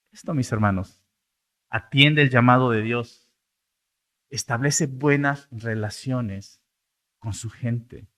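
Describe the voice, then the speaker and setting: Man, Mexican Spanish accent, pastor preaching a sermon, bright voice, animated swings between loud and soft. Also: mid-range voice.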